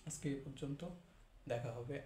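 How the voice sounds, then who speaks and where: A man teaching chemistry in a steady, explanatory way, repeating each term as he goes. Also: medium pitch, normal speed, a little hiss or hum. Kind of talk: classroom lecture. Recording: echoey room.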